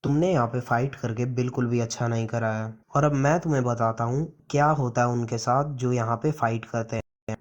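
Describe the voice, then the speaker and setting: A tough underworld boss, menacing with a teasing edge, as a male storyteller reads him. The pitch stays at an ordinary middle level, barely changed from the reader's own. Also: brisk, dull audio, natural voice.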